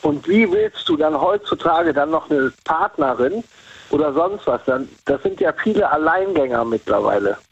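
A man's voice: fairly high pitch, animated, moderate pace, slightly rough, dry recording. A man from Cologne calling in to a radio show, talking in a loose, rambling way over the phone. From Cologne, Germany. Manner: rambling, repeats himself. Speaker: caller. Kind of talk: casual phone-in chat. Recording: muffled phone line.

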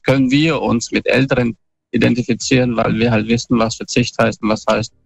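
A man's voice: medium pitch, flat delivery, fairly quick, gravelly, breathy edge. A man calling in over a phone line, telling his story in a casual, hesitant way with many fillers and restarts. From northern Bavaria. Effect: phoned in over a dull, lo-fi phone line. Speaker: caller.

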